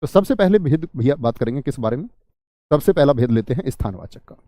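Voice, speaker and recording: A man's voice: mid-range voice, expressive, fast talker, dark tone, dry recording, studio quality. A man teaching Hindi grammar in an online class, asking students questions, answering them himself and repeating key words.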